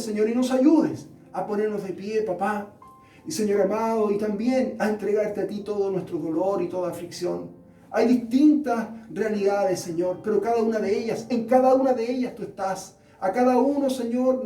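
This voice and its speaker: Pastor, male, high mellow voice, fervent pleading prayer, recorded from a distance in an echoey room. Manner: pleading, repeats "Señor" between phrases. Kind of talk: fervent prayer over soft guitar. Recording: echoey room, distant mic, guitar behind.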